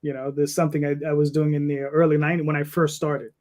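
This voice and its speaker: A man in his fifties with a fairly high voice talks casually while being interviewed as a comic creator. He rambles loosely and conversationally, his delivery flat, fast, and a little mellow.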